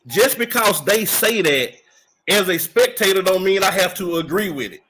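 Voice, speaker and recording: A man's voice: high-pitched, animated, moderate pace, pushed and bright, a little hiss or hum, poor audio. A man co-hosting a sports podcast, arguing insistently in casual debate and repeating himself to press his point. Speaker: podcast co-host.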